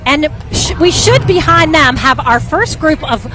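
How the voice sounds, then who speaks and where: A woman's voice: high voice, animated, a little slow. A woman hosting live event commentary outdoors in a chatty, enthusiastic, casual manner. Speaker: parade broadcast host. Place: outdoors on a street at a parade. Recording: street crowd, traffic and loud music behind. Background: music, crowd, vehicles.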